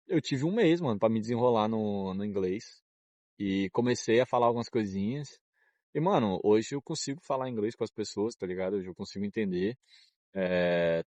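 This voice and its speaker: A Brazilian man in his 20s with a fairly low, darkish voice records a laid-back, rambling travel vlog outside in the cold wind, using slang, laughing a lot and often going off topic. The recording is dry.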